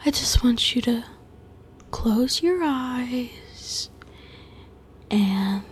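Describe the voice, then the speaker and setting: A woman whispering softly in a soothing, doting ASMR roleplay. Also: high voice, a little hiss or hum.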